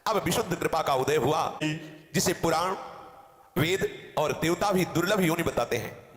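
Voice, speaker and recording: A man's voice: on the high side, a bit bright. Man giving a devotional talk in an echoey hall. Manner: storytelling in first person of a sage, quoting verses. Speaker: spiritual teacher. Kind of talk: devotional discourse. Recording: roomy hall with long reverb.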